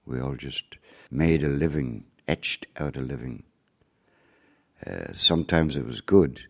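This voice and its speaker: An older Irish man, a former circus performer, telling family memories in an unhurried storytelling way. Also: a bass voice, vocal fry. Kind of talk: reminiscing interview narration.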